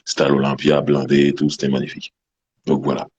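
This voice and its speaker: A man co-hosting a casual music chat, relaxed and telling anecdotes. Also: very deep voice, quick pace, highs cut off, slight background noise. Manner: relaxed, anecdotal, laid-back. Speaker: podcast co-host.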